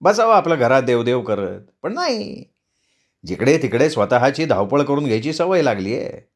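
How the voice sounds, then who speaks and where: A man's voice: mid-range voice, sing-song, moderate pace. A man voicing an impatient scolding son. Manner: scolding, nagging. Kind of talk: storytelling read-aloud.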